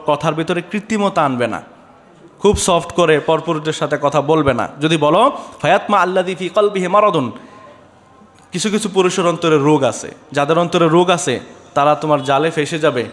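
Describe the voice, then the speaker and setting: A man's voice: a little high, long reverb tail. A man preaching a sermon on a microphone, exhorting his listeners and asking them rhetorical questions.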